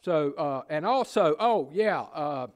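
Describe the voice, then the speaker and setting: Picture a bumbling small-town mayor with a Southern accent, tripping over his own words and padding every sentence with fillers, as a man acts him out in an improv comedy. His voice sits a bit high for a man, and he keeps apologizing without ever budging. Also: expressive, slow pace. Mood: sheepish. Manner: hesitant, stammering, full of fillers.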